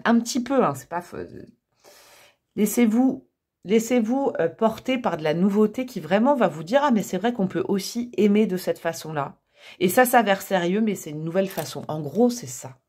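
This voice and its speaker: A woman's voice: on the low side, a little mellow, slightly rough. A woman giving a casual tarot reading to camera, chatty and thinking aloud with many fillers and small laughs. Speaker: tarot reader.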